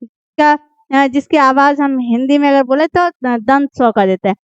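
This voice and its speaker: High-voiced woman teaching Urdu letters. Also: normal speed, dry recording. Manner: patient, repeats checks like "ठीक है?". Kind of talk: explaining script lesson. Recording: dull, dry, lo-fi voice.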